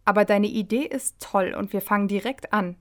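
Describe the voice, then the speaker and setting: Woman doing a gentle glassblowing angel. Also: medium pitch, moderate pace, close to an everyday voice. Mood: kindly.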